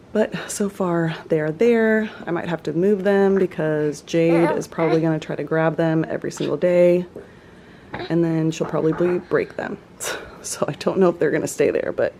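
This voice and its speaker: A woman's voice: sits low, gravelly, slight background noise. A young woman, chatting casually in a home vlog. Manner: chatty, relaxed, Southern "y'all". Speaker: vlogger. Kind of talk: casual vlog talk to camera. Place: home living room.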